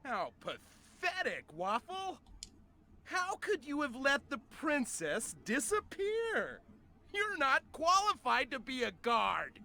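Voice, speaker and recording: A man's voice: extremely high pitch, wildly swooping pitch, slow pace, creaky, pushed and bright, full character voice. A man playing a pompous, gloating rival guard in a cartoon-style video game, declaiming theatrically. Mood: scornful. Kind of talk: dubbed video game voice acting. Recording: game audio with music underneath.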